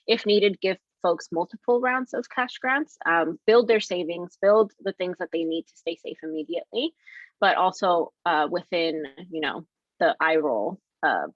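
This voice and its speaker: A woman with a fairly low voice hosts a webinar Q&A in a friendly way, reading audience questions aloud. It's recorded over a video call, so the audio is dry and muffled, with no room sound.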